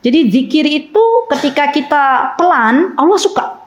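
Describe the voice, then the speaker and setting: Woman preacher, highish voice, chatty with the ladies, acts out soft and firm voices, muffled lo-fi recording. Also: normal speed. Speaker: preacher teaching a women's study circle. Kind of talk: casual Islamic lecture to women.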